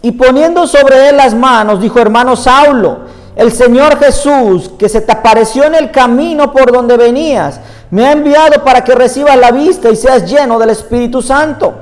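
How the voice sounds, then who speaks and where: A man's voice: very high voice, normal speed. A man preaching a sermon in Spanish, earnest, reading scripture aloud at length. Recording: reverberant room with soft music behind.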